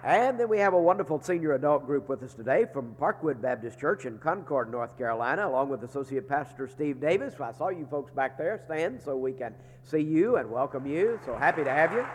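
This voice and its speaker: A man's voice: on the high side, expressive, brisk, hardly any pauses, a little hiss or hum. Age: middle-aged. Sex: man. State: congested from a sinus infection, sounding like he's inside a barrel. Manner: folksy, joking chapel announcements. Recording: long reverb of a chapel hall. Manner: folksy and joking, with frequent "uh" fillers. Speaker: seminary leader giving chapel announcements. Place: large chapel.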